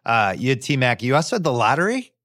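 A man talks through sports memories in a loose, animated podcast chat. His voice sits in an ordinary middle pitch. Wry asides break up the stories. The sound is close and dry, as in a small studio. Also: quick pace, no echo. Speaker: podcast host.

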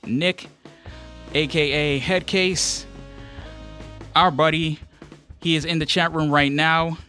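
Bright-voiced man hosting casual unscripted radio. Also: on the high side, fairly even intonation. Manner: natural unscripted talk, halting and informal. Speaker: radio show host. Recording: music playing under the voice. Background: background music.

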